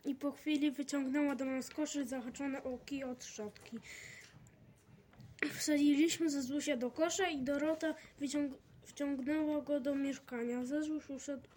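Woman reading a storybook aloud, high voice. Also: measured pace, a little hiss or hum. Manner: lively expressive reading with small slips.

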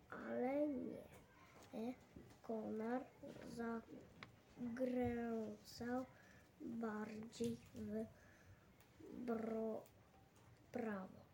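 A woman reading a children's story aloud in a halting, deliberate way. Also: fairly high pitch, dark tone, a little hiss or hum.

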